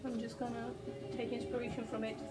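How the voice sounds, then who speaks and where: Her pitch sits on the high side and her delivery is completely flat. She's an artist drawing on camera, speaking English as a second language in a hesitant, self-deprecating ramble full of ums, recorded from afar with background music.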